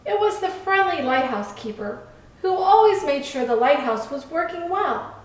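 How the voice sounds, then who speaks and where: A woman reading a children's story aloud in a gentle, measured way. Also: sits high, expressive. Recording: echoey room from far off.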